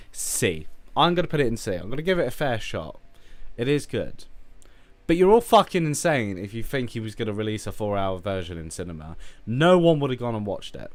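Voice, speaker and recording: A man's voice: medium pitch, no echo. Blunt, swearing hungover streamer man. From United Kingdom. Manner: blunt, profane, rambling. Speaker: streamer ranking films. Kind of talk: casual live-stream commentary.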